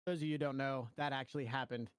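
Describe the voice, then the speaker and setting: A man's voice: medium pitch, fairly even intonation, fast, smooth, no room sound, clean studio sound. A man hosting an online memorial, reading a prepared eulogy in an earnest, somber and formal way. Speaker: host of a memorial convoy.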